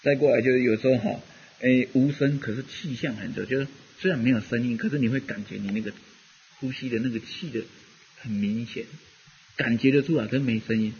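A man's voice: medium pitch, fairly quick, a little mellow, lo-fi sound, a little hiss or hum. Rambling man giving a dharma talk. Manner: rambling, conversational teaching with many fillers. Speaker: Buddhist teacher.

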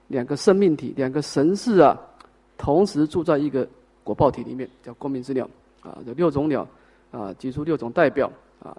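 A man's voice: high-pitched, darkish tone. A man teaching a Buddhist sutra, explaining each point step by step and answering his own questions. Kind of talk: sutra lecture.

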